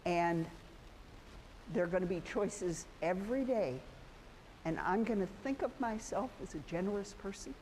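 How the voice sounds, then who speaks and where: A woman's voice: mid-range voice, lively intonation, moderate pace, darkish tone, slight background noise. Woman professor, casual lecture delivery with self-corrections, recorded in a reverberant hall. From United States. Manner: conversational, self-correcting, with frequent restarts. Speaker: sociology professor. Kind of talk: university lecture. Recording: echoey lecture hall with faint ambience.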